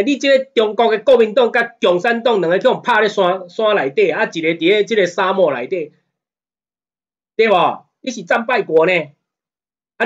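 A man with a Taiwanese accent gives a relaxed law lecture in Taiwanese Hokkien mixed with Mandarin, his high voice recorded with the top end cut off. He keeps the tone conversational, frequently asking "you know what I mean?", and turns heated and emphatic once he starts arguing a point.

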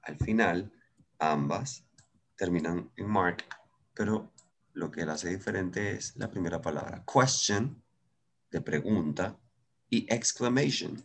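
A man's voice: sits low, slow, long pauses, fairly bright tone, husky. A man with a Venezuelan accent teaching English in an online class, switching between Spanish and English, patient and encouraging.

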